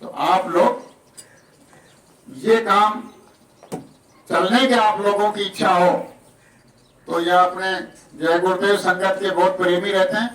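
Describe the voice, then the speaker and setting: A man's voice: sits high, fairly even intonation, slow, long pauses, fairly bright tone. A man preaching at a village satsang gathering from Rajasthan, folksy and humble, acting out villagers' voices as he makes announcements. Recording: echoey, distant, outdoor noise.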